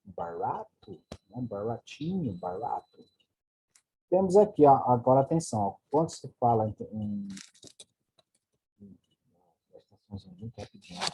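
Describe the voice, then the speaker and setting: A man's voice: medium pitch, dark tone, slightly rough. A man with a Brazilian Portuguese accent teaching an English grammar lesson, explaining patiently and checking in with his students.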